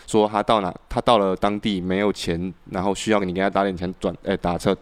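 A man hosting a podcast, telling a story in an animated, casual way with frequent restarts. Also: low-pitched, brisk, clear, resonant tone, no room sound. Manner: animated, laughs and restarts often. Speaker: podcast host.

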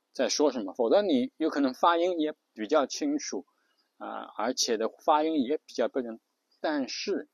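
A man's voice: medium pitch, a little mellow, no room sound, muffled recording. Man giving a dry, close-miked spoken lesson. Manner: explains step by step, counting off points; taps out rhythms with spoken syllables. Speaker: English-learning show host.

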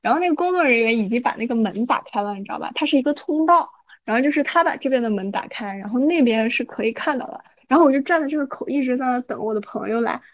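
A woman co-hosting a podcast, telling a story in a casual, animated way and often checking in with her listener. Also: fairly high pitch, fast, lo-fi sound. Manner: animated, frequent "你知道吧" asides. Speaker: podcast co-host.

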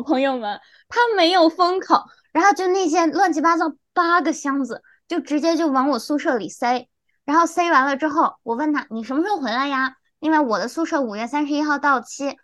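A young woman in her twenties co-hosting a podcast, telling a story in an animated, exasperated way. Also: high voice, dry recording. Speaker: podcast co-host. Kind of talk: casual chat.

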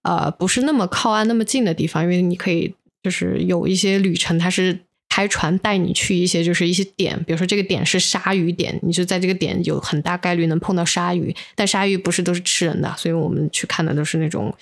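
Quick, with vocal fry and few pauses, her lowish, fairly even voice carries casual personal stories on a podcast she co-hosts despite being unwell. She comes from inland China and mixes English words into her Mandarin.

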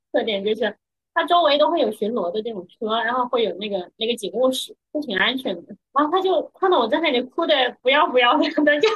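A woman's voice: on the high side, a bit bright, husky, rough recording. A woman, a podcast guest, telling a personal story in casual conversation, moving between tears and laughter. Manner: tearful storytelling that breaks into laughter.

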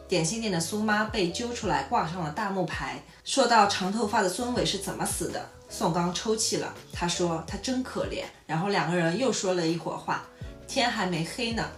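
A woman co-hosting a podcast, reading a novel aloud in a storytelling way with casual asides. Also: roomy sound. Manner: reads steadily, laughs often, lively pitch on quoted lines.

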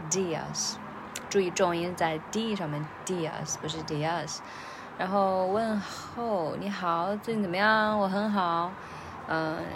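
A woman's voice: lowish voice, noisy background. A woman keeping a language-learning diary, repeating words carefully with hesitant fillers.

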